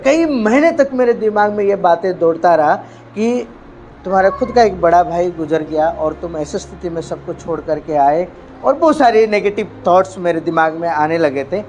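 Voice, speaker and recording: Animated high-voiced Indian preacher. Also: male voice, moderate pace, a little hiss or hum. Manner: emphatic preaching with frequent hallelujahs, swinging between loud and hushed. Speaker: pastor. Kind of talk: sermon.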